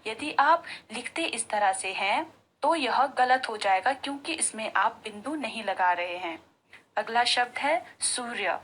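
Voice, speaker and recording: A woman's voice: on the high side, expressive, unhurried, a bit bright, slightly rough. A woman teacher giving a patient Hindi spelling lesson to school pupils, stressing each syllable as she says the words aloud.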